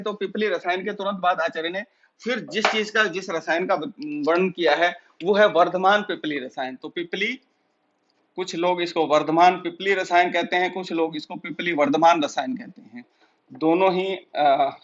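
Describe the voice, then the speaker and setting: High-voiced man teaching an exam lecture. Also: fairly bright tone, highs cut off. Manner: explains slowly, asks and answers his own questions; many pauses and filler sounds. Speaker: Ayurveda teacher. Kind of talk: recorded exam-prep lecture.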